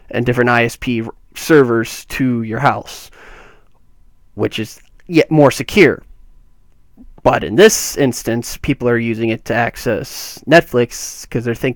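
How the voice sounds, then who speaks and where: A man's voice: medium pitch, no room sound. A man from Canada giving casual tech news commentary on his vlog, rambling with many restarts and fillers. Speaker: tech vlogger.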